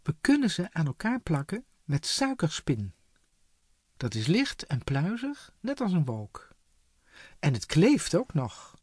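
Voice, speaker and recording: A storybook reader voicing Floor, a young girl who calls out high, eager ideas. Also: sing-song, normal speed, few pauses, warm tone, breathy edge, no echo, clean studio sound. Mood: excited. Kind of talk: storybook character voice.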